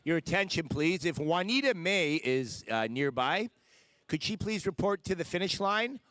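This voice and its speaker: A man making a polite public address announcement at a track meet, heard from far off over a loudspeaker, with small hesitations. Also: on the high side, big pitch swings, normal speed, no echo.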